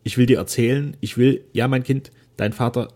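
A man's voice: medium pitch, fairly even intonation, normal speed, a little mellow, voice pushed up, natural voice. A man voicing an ailing old nobleman father, speaking solemnly and wearily in formal old-fashioned language. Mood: solemn remorse. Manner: solemn, weary, formal speech.

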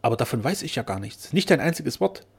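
A man's voice: medium pitch, quick pace, vocal fry, breathy edge. A man voicing an earnest young nobleman in a storybook reading, speaking in an anguished, heartfelt manner. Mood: astonished.

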